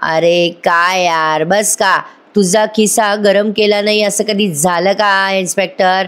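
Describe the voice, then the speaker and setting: A woman's voice: mid-range voice, fairly even intonation, slow pace, fairly bright tone, clean tone. A woman voicing a scheming male crime boss with a casual, swaggering manner. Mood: mocking.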